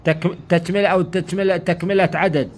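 A man's voice: high-pitched, steady tone, moderate pace. A man with a Kuwaiti accent casually prompting his guest with old sayings, as host of an informal chat. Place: sitting room, indoors. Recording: clear background noise in room.

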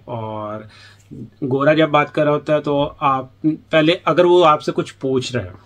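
A man from Pakistan, an international student in the UK, giving chatty advice in a casual vlog and acting out little exchanges as he talks. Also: medium pitch. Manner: chatty, acts out quoted exchanges.

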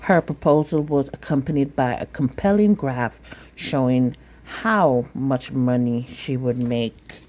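A woman reading a children's picture book aloud in a deliberate, expressive storytelling manner. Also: extremely low pitch. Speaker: storytime reader.

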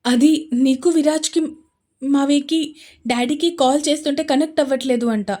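A woman's voice: on the high side, animated, normal speed, lightly acted. A woman voicing a protective young man, urgent and commanding as he takes charge.

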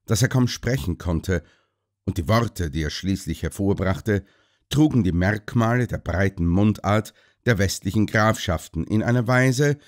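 A man reading an audiobook as scripted, expressive narration. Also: on the low side. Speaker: audiobook reader.

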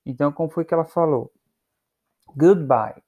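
A man's voice: fairly high pitch, mellow. Patient Brazilian man teaching English. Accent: Brazilian Portuguese. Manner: patient, explanatory, repeats checks with students; slows down to model English phrases. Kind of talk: recorded online lesson.

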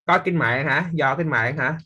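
A man's voice: a little high, normal speed, pushed and bright, slightly rough, lo-fi sound. A young man, teaching physics in a live online class, quizzing students by name and teasing them.

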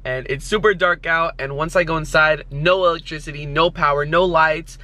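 Nervous young man vlogging, fairly high voice. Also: steady tone, moderate pace, pushed and bright. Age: 20s. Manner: nervous, slangy, talks to himself. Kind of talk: casual vlog chat to camera. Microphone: handheld camera at arm's length.

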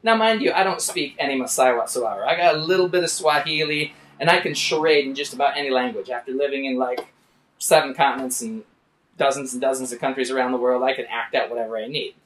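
A man hosting from his art studio, telling a travel story in a lively way and acting out scenes. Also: mid-range voice, fast, reverberant, slight background noise. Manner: animated, acts out scenes. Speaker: artist and show host. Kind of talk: casual storytelling. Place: artist's studio.

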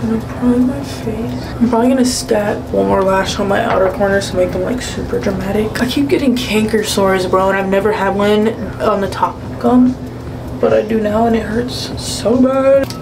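A woman vlogging in casual chat while getting ready at a house, upbeat and relaxed, using casual slang. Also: mid-range voice, normal speed, creaky, background noise. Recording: roomy echo.

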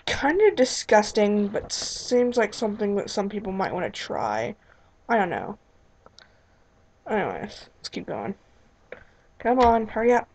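Young woman, let's play commentary, unhurried, mid-pitched, rambling asides. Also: darkish tone, low-quality recording. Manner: rambling, exclaiming, muttered asides. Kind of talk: casual gameplay commentary.

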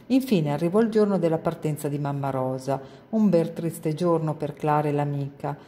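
A woman reading a children's novel aloud at a library in a calm, measured way. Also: low voice. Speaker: reader at a library.

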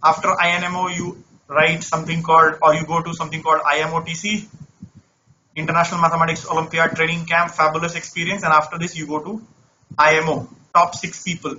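Bright-voiced man teaching online. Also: fairly high pitch, little pitch movement, fast, dull audio, a little hiss or hum. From India. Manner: conversational, repeats words and phrases. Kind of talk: interactive online lesson. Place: online class over screen share.

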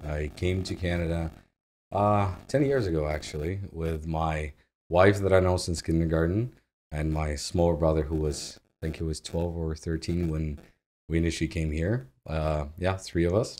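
A man's voice: rumbling low, fairly even intonation, moderate pace, darkish tone. A man in his thirties from Ukraine, a guest in a casual home interview, talking in an easygoing way with loose phrasing and frequent laughs. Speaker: guest, agency founder. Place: home living room. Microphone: studio mic on boom arm.

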